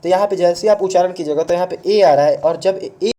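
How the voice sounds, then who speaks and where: A man's voice: sits high, fast, mellow. A male teacher giving a grammar lesson online, patiently explaining step by step and answering his own questions. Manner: mixes English words into Hindi.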